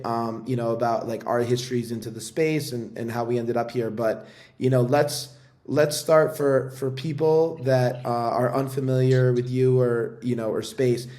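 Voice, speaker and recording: A man's voice: mid-range voice, warm tone. A man hosting a podcast interview, talking casually and hesitantly with many fillers and tag questions. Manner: hesitant, filler-heavy, frequent "right?". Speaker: podcast host.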